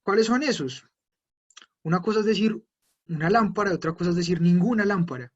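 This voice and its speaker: This male German teacher, husky and fairly high-voiced, speaks fairly quickly during a live online lesson. He explains each point patiently and fields viewer questions as they come in. The audio is dull and lo-fi, typical of a computer mic.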